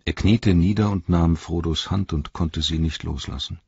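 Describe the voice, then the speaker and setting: A man reads an audiobook in a slow, sombre, measured way, his low voice very husky. The recording is dry and dull, with no room around it. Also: fairly even intonation, a little mellow, no echo. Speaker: audiobook narrator. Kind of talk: scripted narration.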